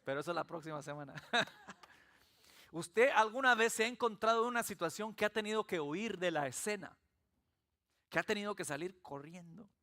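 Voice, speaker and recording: A man's voice: sits high, normal speed, pauses often. A man from El Salvador with a Salvadoran Spanish accent, preaching a sermon as pastor and telling stories with humor. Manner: animated storytelling with humor. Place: church.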